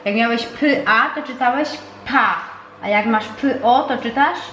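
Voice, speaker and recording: A patient mother talks through a home reading lesson, calm and explanatory with small pauses as she searches for words. Her voice sits a little high and rings in an echoey room. A faint noise hums underneath. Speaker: parent teaching her child to read.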